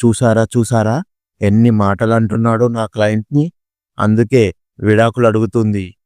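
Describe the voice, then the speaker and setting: A sly lawyer presses accusations before the judge in an audio storybook, read by a man. His voice is low and smooth, his pleading pointed. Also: steady tone, normal speed, darkish tone, no room sound, clean studio sound, natural voice. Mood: accusing. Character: scheming male lawyer for the bride.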